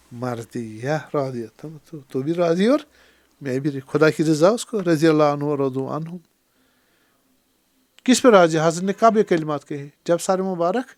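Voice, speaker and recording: Higher-pitched male Kashmiri scholar lecturing. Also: a little mellow, dry recording. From Pakistan. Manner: explains by asking the audience questions; recites Arabic quotations slowly. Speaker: Islamic scholar. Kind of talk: religious lecture.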